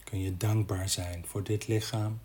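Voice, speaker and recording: A man guiding a body-scan meditation in a gentle, unhurried manner with long pauses. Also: fairly low pitch, little pitch movement, a little hiss or hum. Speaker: meditation guide.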